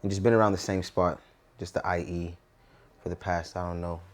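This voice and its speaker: A man in his twenties from Southern California, with an American accent, speaks casually and reflectively as an interview guest. His voice is low-pitched with little pitch movement, and he talks briskly.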